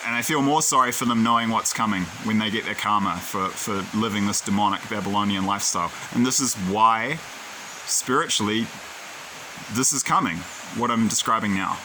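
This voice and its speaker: A man's voice: lowish voice, brisk, background noise. A man talking casually to his own camera in a rambling, digressive, opinionated way. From New Zealand. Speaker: video creator. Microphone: camera he films himself with.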